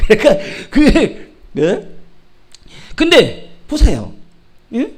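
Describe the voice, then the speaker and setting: A male pastor preaching a sermon in a high voice, which he works for emphasis. His delivery is animated and full of rhetorical questions to the congregation. Now and then he drops into mock regional dialects to make a point with humor. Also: drawn-out words, breathy edge.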